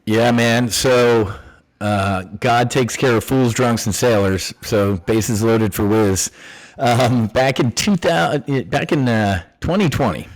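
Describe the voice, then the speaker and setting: A man's voice: medium pitch, slow, dry recording, low-quality recording. A middle-aged man, a former Navy pilot, telling his story in a casual interview, acting out the voices of people he quotes. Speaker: guest, former Navy fighter pilot turned options trader.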